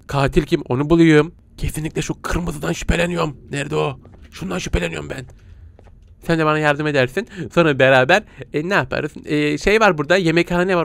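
A man giving joking, excitable let's-play commentary, bursting into laughs and silly noises. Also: fairly high pitch, vocal fry, no room sound. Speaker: gaming YouTuber.

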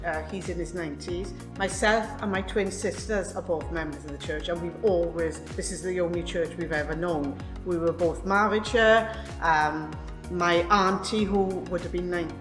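An older woman, a church secretary, talking hesitantly with frequent ums in an interview inside a church. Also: lowish voice. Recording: roomy church with background music.

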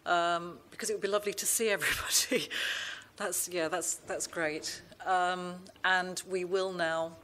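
On a festival stage before a live audience, a woman moderates a literary panel, warmly thanking the writers and posing questions while hesitating with many ums. Her voice is fairly low and fairly even in intonation, her pace unhurried, with slight background noise.

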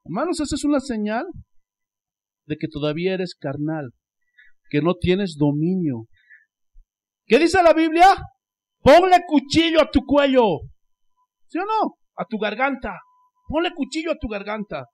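A male pastor with a Bolivian Spanish accent preaching a sermon, swinging between loud exclamations and hushed asides and repeating "Gloria a Dios" as a refrain. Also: extremely high pitch, big pitch swings, measured pace, pauses often.

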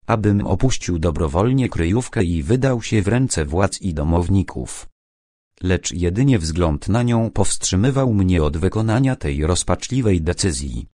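A man narrating an audiobook in a measured, dramatic storytelling manner. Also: deep voice, darkish tone, no room sound, studio quality. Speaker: audiobook reader.

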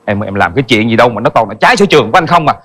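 An actor playing an exhausted, overworked singer husband who complains in a stage comedy sketch. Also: male voice, medium pitch, lively intonation, very fast, a bit bright. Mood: complaining. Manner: whiny, complaining. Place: television studio stage.

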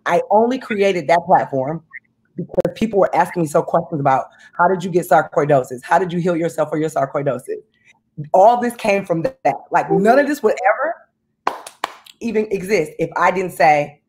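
A woman in her thirties on a video call from home, talking in an animated, emphatic way about money and business. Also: on the low side, slightly rough. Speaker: guest, business owner. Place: home room indoors. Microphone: video call webcam.

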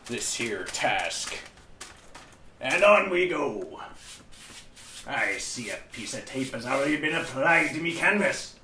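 A man hosts a comic drinking-and-painting show and stays in hammy pirate talk throughout. He speaks slowly, and his voice has a bright, forceful edge. The sound is roomy and echoey, picked up from a mic some distance away. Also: medium pitch, expressive, slight background noise. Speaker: host.

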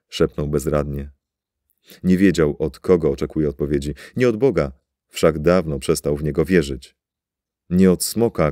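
A man reading a story aloud in a deep, dark voice. His narration is steady and dramatic, and the recording is dry and close. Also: no room sound. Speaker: audiobook narrator. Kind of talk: scripted narration.

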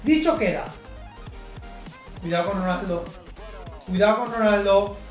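Excitable man commentating his own match. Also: high-pitched, a little slow, echoey room, distant mic, faint music behind. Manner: excitable, shouts at big plays, groans often. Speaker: gaming YouTuber. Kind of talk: live gameplay commentary.

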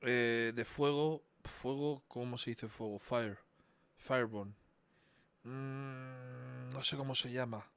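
A young man with an accent from Spain, commentating a quiz game on a live stream. He talks excitably, swears often and bursts into shouts. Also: medium pitch, slow, gravelly, clear, resonant tone, dry recording.

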